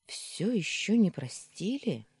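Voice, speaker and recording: Woman voicing a calm, wry young housemaid. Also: mid-range voice, takes it slowly, breathy edge, no room sound, studio quality, pitched above the performer's own voice, full character voice. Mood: gentle.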